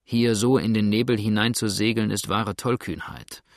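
Man voicing a blunt grumbling boatman in a storybook, low gravelly tone, dry sound. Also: fairly even intonation, normal speed, no room sound, close to an everyday voice. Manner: blunt and grudging. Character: grumbling seasoned river boatman.

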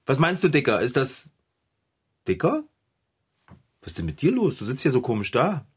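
A woman's voice: a bass voice, very animated, normal speed, slightly rough, heavily acted. A woman playing a grown-up bicycle mechanic in a radio play, down-to-earth and exasperated with her pet.

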